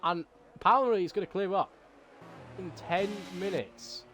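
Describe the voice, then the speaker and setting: A man commentating a sim racing league race, excitable at big moments and later deliberately subdued. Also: high-pitched, slight background noise.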